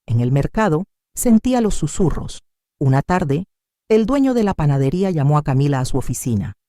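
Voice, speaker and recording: Older woman, expressive storyteller. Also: deep voice, brisk, dry recording, studio quality. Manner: expressive and dramatic. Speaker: narrator. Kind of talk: first-person story narration.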